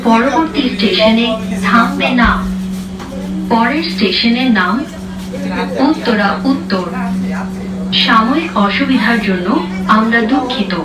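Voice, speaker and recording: A woman making slow, measured announcements to passengers over a train's loudspeaker system. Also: fairly high pitch, distant mic. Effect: station PA announcement over loudspeaker. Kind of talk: scripted public announcement. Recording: echoey loudspeaker heard from afar over crowd and music.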